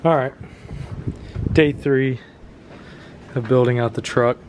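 Filming on a handheld phone in his home garage, a young man vlogs casually about his own truck build, chatting to camera while he works in a self-deprecating way. His mid-range voice has fairly even intonation and a darkish tone, he speaks slowly, and there's slight background noise.

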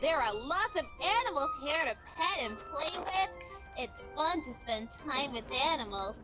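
A woman's voice: sits high, lively intonation, normal speed, over loud music, low-quality recording. A woman voicing a cheery, bossy little girl who hosts a children's cartoon in a horror game, sing-song and addressing young viewers. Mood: explaining.

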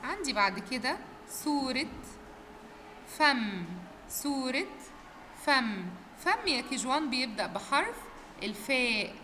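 A woman's voice: sits high, bright, forceful tone, big-room sound, a little hiss or hum. A young woman with an Egyptian accent, a kindergarten teacher giving a recorded phonics lesson, stretching out letter sounds and quizzing the class in a sing-song way.

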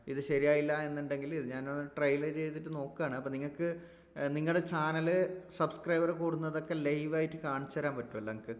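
Chatty Malayali man in an echoey room. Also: a little high. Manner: chatty, reassuring, repeats himself while fixing tech problems. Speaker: YouTube live stream host. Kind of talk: casual live-stream chat. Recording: echoey room with long reverb, faint noise.

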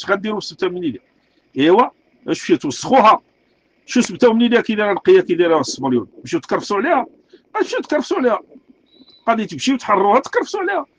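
A man's voice: high voice, dull audio, a little hiss or hum. A man with a Moroccan Arabic accent, delivering an angry, repetitive rant full of rhetorical questions. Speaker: street artist speaking out. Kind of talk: impassioned rant.

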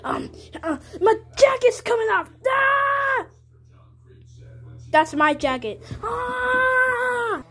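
A performer voicing an excitable toddler boy, Baby Mario, in a childish, rambling way. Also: very high-pitched, normal speed, few pauses. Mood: playful. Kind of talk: fan puppet video voice acting.

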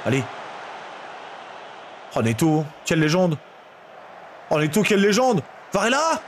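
Excitable high-voiced streamer man. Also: measured pace, a little hiss or hum. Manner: excitable, swings from shouting to muttering. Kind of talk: live game commentary.

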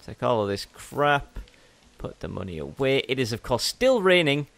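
A man's voice: medium pitch, animated, moderate pace, creaky, fairly bright tone, no echo. A young man giving casual gameplay commentary as a let's play host, chatty and rambling, often correcting himself mid-sentence.

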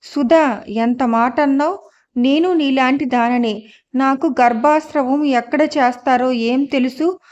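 A woman reading a story, voicing a calm, firm young woman who pleads steadily. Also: high voice, a little slow. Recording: dull lo-fi audio.

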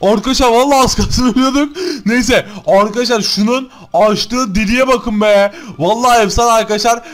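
A man doing excitable Minecraft gameplay commentary, constantly calling out to his viewers. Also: very high voice, normal speed. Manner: excitable, keeps addressing the viewers. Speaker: gaming YouTuber.

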